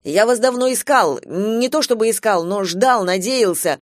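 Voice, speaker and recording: A woman reading an audiobook, voicing a flustered, lovesick young man dressed as a woman, hoarse and pleading. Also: medium pitch, lively intonation, moderate pace, dry recording, studio quality, lightly acted. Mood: eager.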